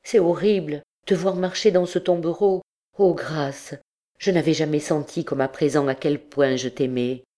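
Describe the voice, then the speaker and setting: A woman's voice: sits low, steady tone, normal speed, warm tone, natural voice. A woman reading as a desperate lovesick priest. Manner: pleading, impassioned. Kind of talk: audiobook character reading.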